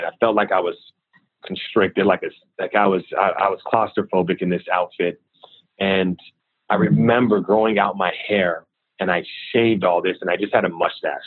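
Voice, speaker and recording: A man in his forties, an interview guest, telling his story in a casual, animated way. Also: low voice, fairly quick. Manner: animated, acts out quoted voices. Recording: thin phone-like audio.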